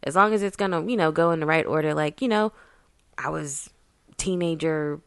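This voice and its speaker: A woman co-hosts a casual podcast. Her voice sits slightly low and she talks in a loose, chatty way, laughing often. The sound is dry and close to the mic. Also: moderate pace, clear, resonant tone, no echo. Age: 30s. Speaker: podcast co-host. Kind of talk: casual chat.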